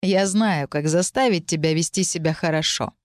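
A woman's voice: lowish voice, moderate pace, dry recording, studio quality, natural voice. A woman reading the lines of an arrogant young male mage, curt and hissing through his teeth. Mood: angry.

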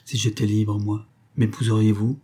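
A man's voice: on the low side, level tone, normal speed, mellow, lightly acted. A man reading an audiobook voices a jealous married man pleading his feelings. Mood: urgent. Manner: pleading, impassioned.

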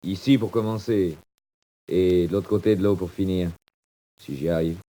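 An actor playing a proud, despairing condemned prisoner in a 1940s radio drama, speaking theatrically. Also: male voice, low-pitched, normal speed, dark tone, close to an everyday voice. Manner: theatrical, swinging from bitter murmurs to cries.

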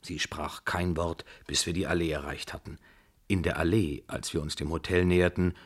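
A man narrating a novel for radio in a steady, calm storytelling manner. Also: low voice, moderate pace, breathy edge.

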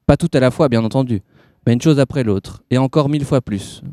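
A chilly, smooth-talking man in grey pushes and coaxes in a sweet but icy tone, as a man reading a novel aloud puts him on. The voice is dark and mellow. The sound is dry and close. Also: medium pitch, brisk, no echo, close to an everyday voice. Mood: coaxing. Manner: persuasive, pushy, icy under a sweet tone.

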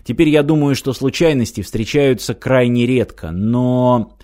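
A man reading the lines of a patient, doubtful detective in an audiobook, quiet and measured. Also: medium pitch, natural voice.

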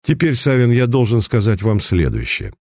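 A man voicing an unflappable police detective, calm and sarcastic, speaking in a measured way, in a dry recording. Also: lowish voice, no echo. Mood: cool.

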